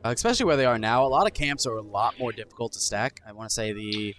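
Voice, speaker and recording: A man's voice: medium pitch, fast talker, a bit bright. A man giving casual play-by-play esports commentary, thinking aloud, hedging and correcting himself as he goes. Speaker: esports caster.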